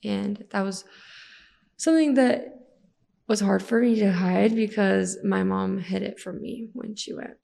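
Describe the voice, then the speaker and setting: Gravelly low-toned woman sharing candidly. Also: a little slow. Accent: American. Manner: candid, animated storytelling with laughs. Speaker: podcast guest. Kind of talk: casual conversational interview.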